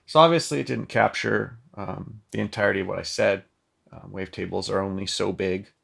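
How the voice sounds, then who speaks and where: A man's voice: low voice, fairly even intonation, fairly quick, vocal fry, fairly bright tone, breathy edge. A man giving a casual, chatty product demo of a synth, with loose phrasing and lots of filler ums. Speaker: synth demonstrator. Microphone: microphone plugged into the synth.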